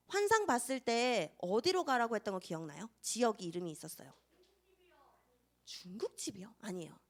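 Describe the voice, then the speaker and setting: Young woman Sunday school teacher, animated storyteller voice, quizzes the children. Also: a little high. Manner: lively, asks children questions and acts out scenes.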